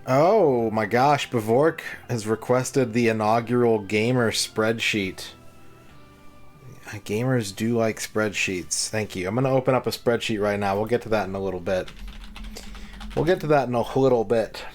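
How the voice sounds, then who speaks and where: A man's voice: lowish voice, normal speed, faint music behind. Man on a livestream headset mic. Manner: greets viewers and thanks them one by one. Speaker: streamer. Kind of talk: casual livestream chat.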